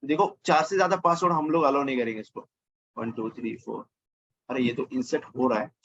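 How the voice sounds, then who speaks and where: A man's voice: mid-range voice, steady tone, a little fast, a bit bright, muffled recording. A man teaching a casual coding lesson over his screen, thinking aloud and correcting himself as he goes. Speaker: programming teacher.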